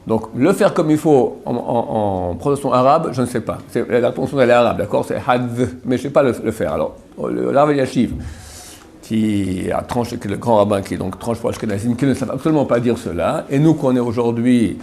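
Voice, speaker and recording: A man's voice: mid-range voice, a little fast, vocal fry, darkish tone. A rabbi giving a religious lesson, explaining step by step and demonstrating pronunciations to his students. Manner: addresses students directly with frequent "d'accord?". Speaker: rabbi teaching a class.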